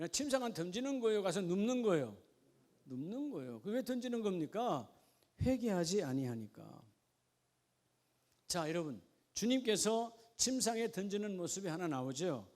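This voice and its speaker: A male pastor preaching a sermon in church, asking the congregation questions and answering them himself. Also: high-pitched.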